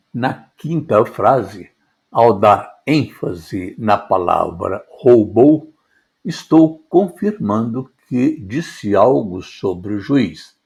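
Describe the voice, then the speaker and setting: Slow, gravelly-voiced male speaking instructor. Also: on the low side, a little mellow. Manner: measured, deliberate delivery with stressed words. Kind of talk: scripted lesson narration.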